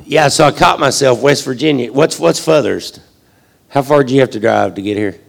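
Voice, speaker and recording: Man leading a ministry, gravelly tone, easygoing and long-winded. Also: medium pitch, moderate pace. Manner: rambling, folksy, long-winded. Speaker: ministry leader. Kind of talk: casual speech to a church crowd.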